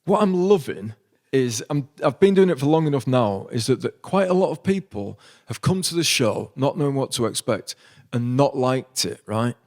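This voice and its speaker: A man's voice: medium pitch, expressive, normal speed, hardly any pauses, a little mellow. Rambling man telling stories. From Yorkshire, England. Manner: rambling, self-deprecating anecdotes with lots of ums. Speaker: podcast guest, comedian-poet. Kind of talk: casual storytelling chat.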